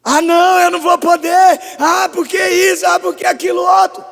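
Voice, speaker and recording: A man putting on the voice of a whiny, self-pitying churchgoer who complains and shouts in a sing-song. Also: very high-pitched, level tone, normal speed, vocal fry, voice pushed up, heavily acted. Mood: whining. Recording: long church reverb.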